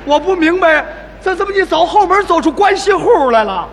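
A man's voice: extremely high pitch, expressive. Incredulous straight man, live hall. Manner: incredulous, quick retorts and questions. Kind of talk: live crosstalk comedy. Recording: live stage recording in a hall, noisy.

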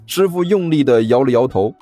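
A man narrating a story in a lively, expressive reading. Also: mid-range voice, a little fast, faint music behind.

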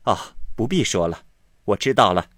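A man voicing a brisk, teasing, authoritative young noblewoman in a storybook reading. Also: on the low side, lively intonation, fairly bright tone, no echo, studio quality. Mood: commanding. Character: sharp, commanding young noblewoman of the household.

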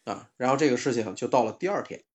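A man's voice: medium pitch, animated, quick pace, darkish tone, dull audio. A man in a casual panel chat, telling a personal story and acting out the dialogue, with plenty of fillers and restarts.

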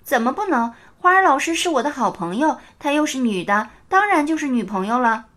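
A woman's voice: high voice, very animated, brisk, a bit bright, voice pushed up, exaggerated voice. A woman voicing a cheeky little boy who speaks confidently and matter-of-factly. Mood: bold.

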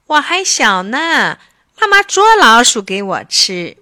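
一位女士在故事朗读中扮演一只撒娇、爱耍赖的小猫咪，说话嘟嘟囔囔的。. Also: female voice, fairly high pitch, sing-song, takes it slowly, sharp tone, dry recording, studio quality, full character voice. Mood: whiny. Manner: pouty, wheedling. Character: spoiled whiny little kitten. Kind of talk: storybook reading.

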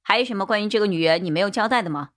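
A woman voicing a stern police detective who questions firmly and briskly. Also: mid-range voice, a bit bright, voice pushed up, lightly acted.

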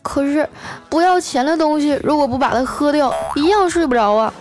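A woman's voice: high voice, animated, a little fast, darkish tone, soft background music, pitched above the performer's own voice. A woman reading out the lines of a timid, stingy young man in a comic story, in a whining way. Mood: whiny.

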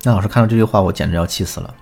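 A man's voice: sits low, rapid-fire, vocal fry, a little mellow, breathy edge, faint music behind, exaggerated voice. Exasperated young wife, as a man retells her. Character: 29-year-old woman venting about her husband.

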